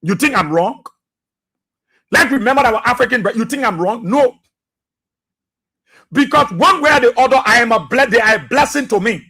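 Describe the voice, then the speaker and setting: A man with a Liberian English accent hosts a radio talk show in an animated, slightly rough voice at normal speed, with vocal fry and long pauses. Repetitive and heavy on fillers, he exhorts listeners, subdued and low for birthday greetings, then loud and preachy.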